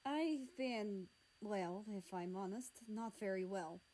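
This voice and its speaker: Woman reader as a sad, hesitant young man in an audio fan story, quiet delivery. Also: medium pitch, slow, natural voice. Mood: subdued.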